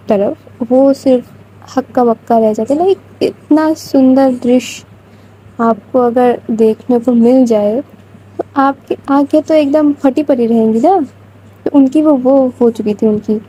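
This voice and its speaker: A chatty woman telling a love story in a casual, conversational way, as if talking to a friend. Her voice is husky and mellow, pitched a little high. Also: low-quality recording. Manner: chatty, conversational, addresses listener. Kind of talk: casual spoken story narration.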